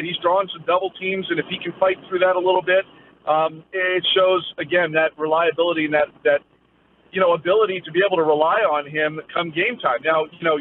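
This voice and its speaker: A man giving a live, conversational news field report as a sports reporter, phrasing his analysis loosely over a remote phone link. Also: a little high. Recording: phone-like narrowband line with faint noise.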